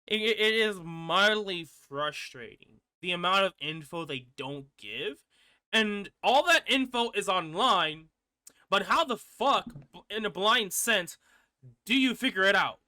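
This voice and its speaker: A man's voice: high-pitched, expressive, unhurried, bright, forceful tone, dry recording, clean studio sound. A man hosting a gaming channel, giving casual rambling commentary with frequent restarts and casual swearing.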